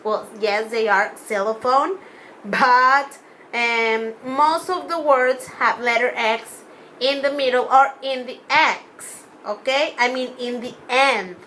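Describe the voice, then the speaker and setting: Slow, bright-voiced woman teaching phonics. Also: high voice, slight background noise, low-quality recording. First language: Spanish. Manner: slow, drawn-out phonics teaching with counting and repeated words. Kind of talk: children's class video lesson.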